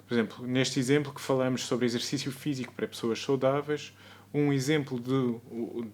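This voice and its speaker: A man with a European Portuguese accent giving a recorded medical school video lecture, explaining at a measured pace and sometimes correcting himself mid-sentence. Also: mid-range voice, a little mellow.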